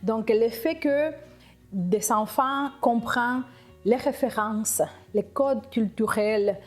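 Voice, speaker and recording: A woman's voice: on the high side, slow. Woman, reflective, light music. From Cuba. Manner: reflective, thoughtful, with frequent restarts. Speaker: interviewee. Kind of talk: personal testimony interview.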